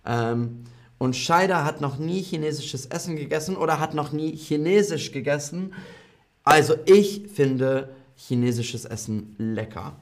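A man teaching German in a live online lesson, repeating each phrase slowly and clearly and reading out comments from his learners. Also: fairly high pitch.

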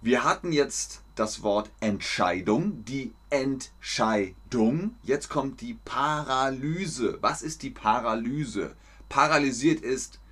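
Man, language teacher, slow careful delivery, repeats each word, playful outbursts. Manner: slow, deliberate, repeats words for learners; lively, with sudden high sounds and laughs. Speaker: German language teacher streaming a lesson. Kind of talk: slow, clear teaching stream with examples.

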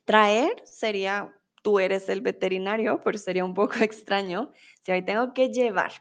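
A woman's voice: medium pitch, a bit bright. A young woman teaching a live online Spanish lesson, reading out viewers' comments with patient encouragement and frequent laughter.

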